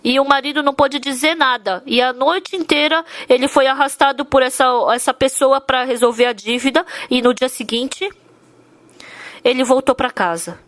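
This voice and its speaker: High-voiced woman interpreting a sermon. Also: moderate pace, a bit bright, no echo. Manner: earnest storytelling, emphatic.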